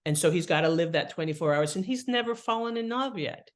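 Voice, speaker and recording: A guest author and writing expert on an interview show explains things conversationally, offering practical advice and leaning on her key words. Her voice is fairly low with lively intonation and a quick pace.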